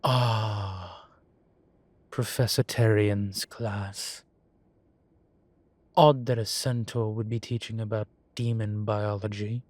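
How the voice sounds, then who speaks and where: A man with a lowish voice and a flat delivery, recorded with no echo, plays a centuries-old demon professor in a scripted roleplay audio. Droll, proud, and urbane, the character gently and patiently lectures a student in an unhurried, genteel one-sided conversation.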